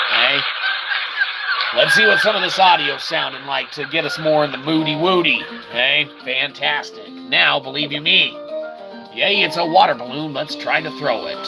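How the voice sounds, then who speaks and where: A slightly high, creaky male voice belongs to a video game streamer and reviewer who jokes through casual commentary with wordy catchphrases and mock-formal asides. Behind him, game sound plays in a very noisy recording.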